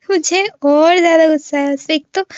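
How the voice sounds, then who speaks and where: A woman's voice: very high-pitched, no echo, lo-fi sound. A woman telling a story to her viewers in a casual, rambling way, full of fillers and restarts, often speaking to the listener directly. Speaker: gamer recounting an online incident.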